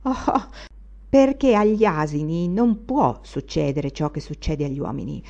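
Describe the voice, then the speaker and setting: A woman reading the part of a cynical, sneering young male student, a little louder than her narration. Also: sits low, very animated, a little slow, vocal fry, highs cut off, exaggerated voice. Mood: mocking. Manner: sneering, jeering.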